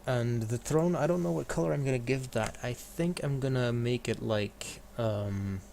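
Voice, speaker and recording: A man's voice: medium pitch, moderate pace, darkish tone. A man hosting a live game stream, chatting casually with viewers and narrating what he does. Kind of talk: casual live gameplay commentary and chat. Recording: clear background noise.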